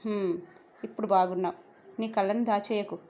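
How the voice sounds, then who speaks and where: A woman's voice: medium pitch, fairly even intonation, normal speed, muffled recording, lightly acted. A woman voicing a proud, bold young heroine who speaks her mind in a romance story. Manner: sharp-tongued and bold.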